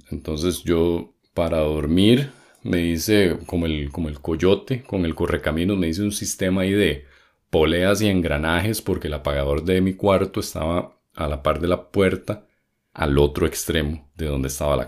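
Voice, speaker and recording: A young man recounts a spooky childhood story in a relaxed, chatty way. His voice sits very low, and he slips into little voices and beeping noises as he tells it. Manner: animated storyteller, acts out quotes and sound effects. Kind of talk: personal ghost story told casually.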